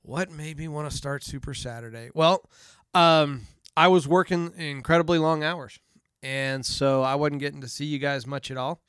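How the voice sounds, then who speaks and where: A man's voice: on the high side, moderate pace, clear, resonant tone, no room sound, clean studio sound. A middle-aged man, a father chatting casually with his daughter, telling stories and teasing her. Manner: joking, teasing, relaxed storytelling. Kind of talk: casual family chat.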